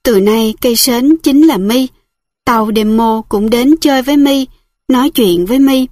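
Picture a stern, grieving older village man who speaks in blunt commands and whose pitch sits a little high, as a woman reader puts him on. The reading comes across plainly, close and dry in an audiobook style. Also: unhurried, a little mellow, no echo.

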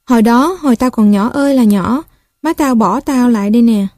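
Woman reading scrappy Southern street boy, boastful, bossy slang, slightly high, mellow. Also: fairly quick, no echo, clean studio sound, natural voice. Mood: matter-of-fact. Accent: Southern Vietnamese. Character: scrappy, boastful young male street kid.

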